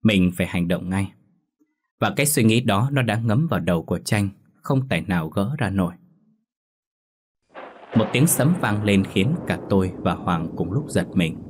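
A man narrating a ghost story audiobook with a steady, dramatic delivery. His voice is low and husky, with a breathy edge. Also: moderate pace, pauses often.

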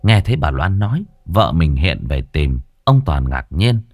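A man's voice: a bass voice, very animated, a little slow, over music. A man reading a ghost story aloud with dramatic, suspenseful delivery. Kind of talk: scripted ghost story narration.

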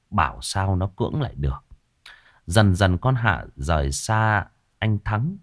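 A man narrating a scripted story in a dramatic storytelling manner. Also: low-pitched.

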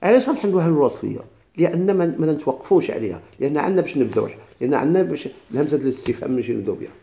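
A man with a Moroccan Arabic accent teaches a recitation lesson at a brisk clip. His voice sits a little high and sounds dark and mellow. He breaks off and restarts words as he spells them out, then asks the class questions. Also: lively intonation, gravelly. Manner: repeats words slowly, with many restarts. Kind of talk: classroom lesson explaining a text.

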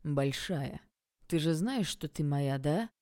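A woman voicing a jealous young man, an ex-boyfriend, with a low threatening voice in an audiobook. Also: lively intonation, takes it slowly, warm tone, no room sound, studio quality. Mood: menacing.

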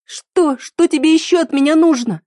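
A woman voicing a desperate young woman in love, pleading in high, strained, near-shouted lines. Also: normal speed, slightly rough, no room sound, clean studio sound, lightly acted. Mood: distraught.

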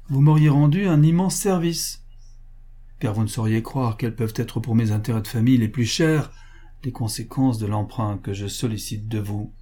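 A man reading the lines of an anxious, insinuating male prince who presses and flatters. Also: mid-range voice, natural voice. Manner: urgent and ingratiating.

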